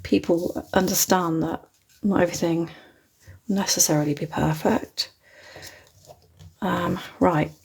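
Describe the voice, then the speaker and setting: Her voice is lowish, steady and measured, creaky, a little mellow and husky, with frequent pauses. She's a British craft livestream host, not London-accented, who chats casually at her desk, rambles and chuckles a lot while an overhead phone records her.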